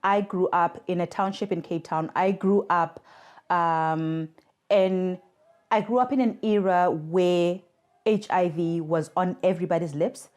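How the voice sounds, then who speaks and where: Remotely recorded for a podcast interview, a South African woman in her thirties tells her personal story, earnest and reflective. Her voice is fairly low and a little mellow, and she speaks a little slowly; she is a communications worker for a mothers' charity.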